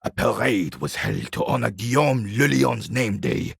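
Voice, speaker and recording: An older, proud war veteran from a video game speaks in a heavily creaking, gravelly, raspy and husky voice that swings widely in a sing-song pitch. In a full character performance, he talks like a formal old soldier, haughty, embittered, wistful and halting, grumbling at those beneath him at a measured pace. The dramatic acting is recorded dry and close, with no echo.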